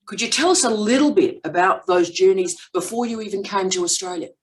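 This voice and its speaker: A woman's voice: medium pitch, distant mic, low-quality recording. A middle-aged woman hosting an interview, effusive and emphatic, stretching out words for effect. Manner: effusive, emphatic, drawn-out phrases. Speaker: interviewer, university dean. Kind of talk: enthusiastic interview host.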